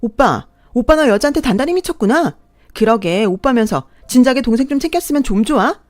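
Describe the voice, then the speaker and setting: A woman's voice: on the high side, lively intonation, fairly quick, darkish tone, no room sound, pitched above the performer's own voice, close to an everyday voice. A woman voicing a spoiled young sister-in-law who talks in a mocking, entitled tone in a radio drama.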